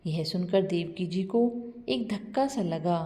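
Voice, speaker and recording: A woman storyteller narrating a moral family story in a steady, expressive way. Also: lowish voice, unhurried. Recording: long reverb.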